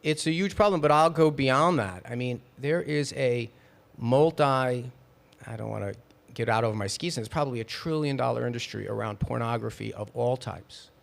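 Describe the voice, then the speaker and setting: A man in his late fifties, a podcast guest who talks in halting bursts and repeats words when pressed. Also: mid-range voice, vocal fry. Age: 50s. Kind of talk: debating in a podcast interview.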